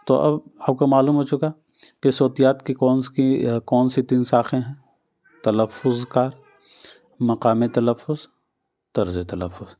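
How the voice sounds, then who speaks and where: A man's voice: mid-range voice, little pitch movement, warm tone. A male teacher giving an exam-prep lesson, patiently repeating each answer and speaking straight to his students.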